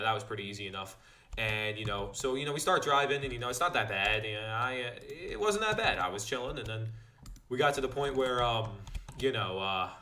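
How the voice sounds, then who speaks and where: A man's voice: pushed and bright, a little hiss or hum. A teenage boy telling a story for his vlog in a rambling, casual way, full of fillers and restarts. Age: teens. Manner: acts out dialogue with big pitch jumps. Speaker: vlogger.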